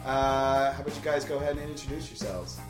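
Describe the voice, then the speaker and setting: A man's voice: mid-range voice, fast, over music. A man hosting a casual podcast chat with a group, recorded in a living room. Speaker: podcast host. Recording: echoey living room, away from mic.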